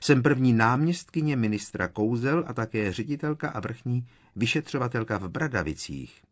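A man voicing a shrill, haughty, pompous woman official in an audiobook reading. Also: big pitch swings. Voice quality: shrill, squeaky.

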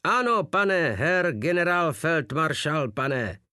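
A man voicing a frightened soldier who rattles off hurried, stiffly formal replies, in an audiobook reading. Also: a little high, animated, a bit bright, dry recording, clean studio sound, pitched above the performer's own voice. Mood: nervous. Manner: hurried, nervous military replies.

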